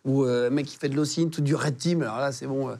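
A young man hosting a casual interview. He sounds excitable and often stammers and repeats his words. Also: medium pitch, quick pace. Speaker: host.

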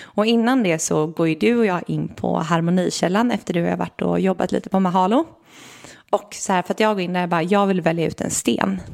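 A young woman telling a personal story in a casual, animated way and acting out what people said. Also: lowish voice, gravelly. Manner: animated storyteller, acts out quotes. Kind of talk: casual chat.

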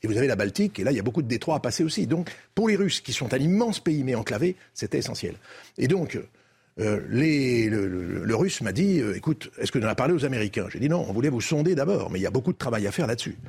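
An older man from France with a French accent speaks in a husky, medium-pitched, a little mellow voice with big pitch swings. Appearing as a debate guest, he recounts diplomatic history in a measured, didactic way, phrasing points emphatically.

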